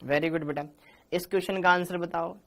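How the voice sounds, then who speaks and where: A man's voice: high voice, fairly even intonation, normal speed, vocal fry, pushed and bright. Chatty Hindi-speaking male chemistry teacher. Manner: chatty, calls students beta, repeats answers. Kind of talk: live online class.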